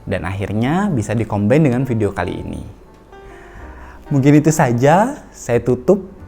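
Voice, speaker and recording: A man with a mellow, relaxed tone and a lively, wandering pitch walks parents through child therapy steps. His delivery is calm and explanatory. Soft music plays faintly underneath. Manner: calm, explanatory, with slow singsong demonstrations. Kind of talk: instructional talk for parents.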